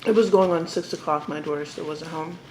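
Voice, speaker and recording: A young woman casually telling a story to the camera during an eating show, talking while she eats and pausing for bites. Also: low-pitched, a little mellow. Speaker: mukbang vlogger. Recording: echoey room with faint background noise.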